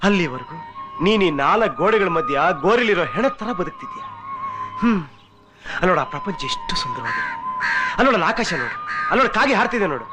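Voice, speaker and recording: An actor playing a smooth-talking, manipulative man who lectures with a twisted philosophy in film dialogue. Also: sits high. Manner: sly, lecturing, swinging from whispers to shouts. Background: film score music.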